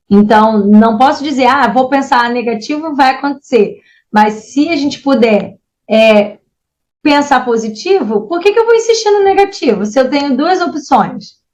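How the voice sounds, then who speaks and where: A woman psychologist answering interview questions in a measured, advising way, often checking that the listener follows. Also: high-pitched, darkish tone, rough recording. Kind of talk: explanatory interview talk.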